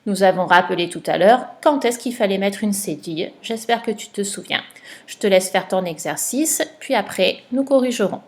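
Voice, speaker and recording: A woman's voice: mid-range voice, normal speed. Woman, primary teacher, recorded home lesson, patient, stretches words for dictation.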